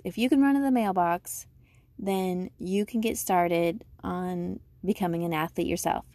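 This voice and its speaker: A woman's voice: mid-range voice, a little mellow, no room sound. A woman giving casual motivational advice like a vlogger, chatty, emphatic, upbeat and encouraging.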